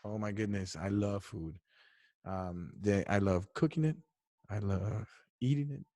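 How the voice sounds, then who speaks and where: A man's voice: lowish voice, unhurried, warm tone, a little hiss or hum. A man born in Ecuador and raised in the US, co-hosting a casual podcast, chatty, laughing often and restarting his phrases. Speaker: podcast co-host. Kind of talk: casual chat.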